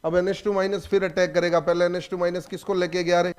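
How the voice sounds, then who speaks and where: Male chemistry teacher, high voice, brisk and quizzing. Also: clear, resonant tone. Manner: lively, prods students with quick questions. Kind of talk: classroom lecture.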